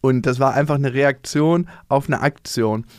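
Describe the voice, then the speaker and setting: A man's voice: mid-range voice, normal speed, no room sound, clean studio sound. A man, co-hosting a casual podcast chat and acting out the people in his stories. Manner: animated storyteller, acts out quotes in voices. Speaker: podcast co-host.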